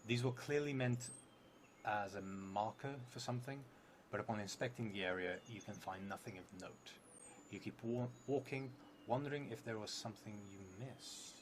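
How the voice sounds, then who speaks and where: At a table in a theatre room, a man in his thirties who plays and streams solo tabletop roleplay talks through his story at a normal speed. His voice is low-pitched and his manner hesitant and musing, with sentences that fade off. The room recording is clearly noisy.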